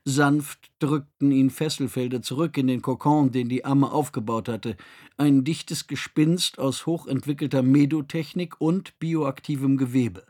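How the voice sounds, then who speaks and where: Male audiobook narrator, husky, mid-pitched, even and measured.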